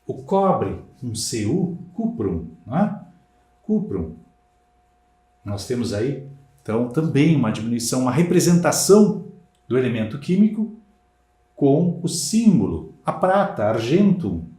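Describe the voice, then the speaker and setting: A man from Brazil teaching Portuguese in a recorded exam-prep lecture, with lively, emphatic delivery and frequent rhetorical tags. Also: mid-range voice, moderate pace. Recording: echoey room.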